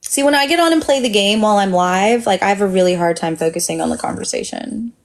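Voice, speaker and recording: A woman's voice: medium pitch, animated, fast. A woman hosting a casual live-stream debate, answering dryly and teasingly, turning questions back on her guest. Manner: dry, teasing, deflects with questions. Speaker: livestream host.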